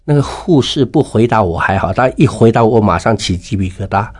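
A man's voice: fairly low pitch, lively intonation, a little fast, slightly rough. A middle-aged man giving a personal faith testimony as an interview guest, telling his story with emotion and acting out the dialogue.

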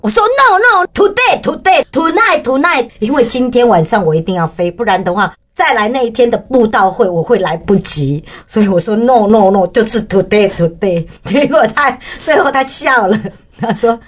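Animated woman telling a faith story. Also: a little fast, hardly any pauses. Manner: lively storyteller, bursts into high excited pitch when reliving moments. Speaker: guest giving a testimony.

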